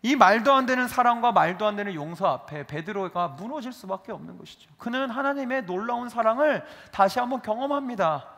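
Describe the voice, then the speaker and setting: A male pastor preaching a sermon, lively, acting out quoted dialogue as he goes. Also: high-pitched, brisk, creaky, hardly any pauses. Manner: animated, acts out dialogue in his telling. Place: church sanctuary. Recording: reverberant church hall.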